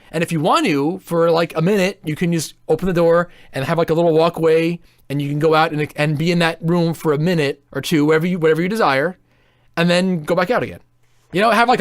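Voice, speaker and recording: Outspoken male co-host, a bit higher voice, blunt ride critic who swears. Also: no echo, studio quality. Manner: blunt, opinionated, swears freely. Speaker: theme park reviewer. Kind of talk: casual podcast chat.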